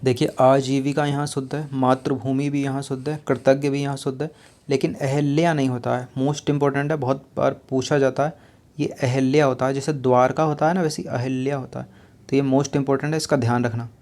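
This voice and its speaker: Man, exam-prep teacher, level even delivery, patient explaining, repeats answers, rhetorical questions. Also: mid-range voice, brisk. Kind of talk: exam-prep lesson going through spelling questions.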